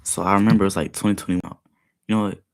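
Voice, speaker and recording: A man's voice: low voice, flat delivery, racing, vocal fry. A young man chatting casually while reacting to a video, rambling with lots of filler words. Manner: rambling, heavy use of "like" fillers.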